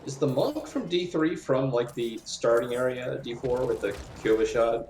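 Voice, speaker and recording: A man's voice: medium pitch, animated, normal speed, darkish tone, roomy sound, recorded from a distance, a little hiss or hum. A man chatting casually as a player on a game stream, playful and talkative. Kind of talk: casual gaming chat.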